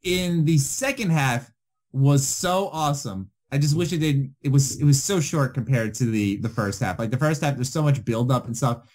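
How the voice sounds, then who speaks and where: A man's voice: mid-range voice, moderate pace, a little mellow. Enthusiastic young man co-hosting a podcast. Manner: enthusiastic, teasing. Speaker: podcast co-host. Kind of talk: casual chat.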